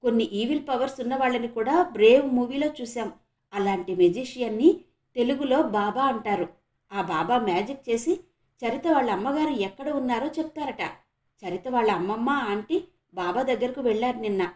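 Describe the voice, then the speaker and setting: An excitable, trusting schoolgirl, acted by a woman narrator in an audiobook, earnest and a little breathless. The voice sits high and soft-edged, heard in an echoey room. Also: moderate pace, lightly acted.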